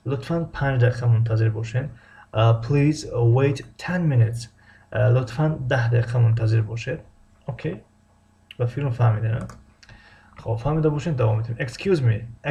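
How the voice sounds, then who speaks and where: A male English teacher whose first language is Persian, pronouncing English phrases slowly and explaining them in Persian with many fillers, on a dull lo-fi recording. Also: medium pitch, vocal fry, dark tone. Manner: slow careful English phrases, frequent "uh" fillers. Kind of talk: language lesson.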